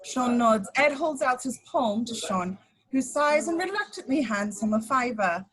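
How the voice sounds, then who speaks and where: At an informal table read, a woman narrates the stage directions, reading scripted action descriptions and occasionally stumbling before correcting herself. Her voice is on the high side, expressive and unhurried. The audio is poor, with crowd noise.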